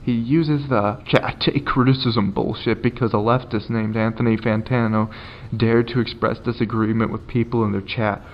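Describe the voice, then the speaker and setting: A man talking through an internet commentary video in a loose, sarcastic way, dropping swear words freely. His voice sits at an ordinary middle pitch. The audio is a little dull and lo-fi. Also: fairly even intonation, normal speed, slight background noise. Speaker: commentary YouTuber. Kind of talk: casual profane commentary.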